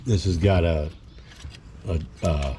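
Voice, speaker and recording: A man's voice: deep voice, slow pace, warm tone, slight background noise. A man casually talking through his work on an old car in his home garage, rambling and plain-spoken with many fillers and restarts. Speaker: hobby mechanic and channel host. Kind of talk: casual narration while working on a car.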